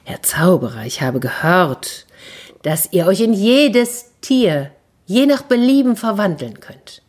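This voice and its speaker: A woman storyteller voicing a sly, flattering talking tomcat in boots who orders farm workers about and sweet-talks a wizard. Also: medium pitch, takes it slowly, slightly rough, exaggerated voice. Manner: bold, persuasive, theatrically flattering.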